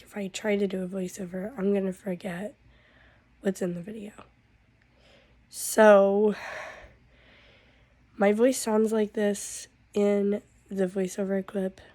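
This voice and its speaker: A woman vlogger with a hoarse, worn-out voice from a cold, talking in a weary, drawn-out way. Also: mid-range voice, dark tone, dry recording. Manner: drawn-out, weary talk with a cough. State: hoarse from losing her voice; stuffed up with a cold. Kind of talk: casual vlog update.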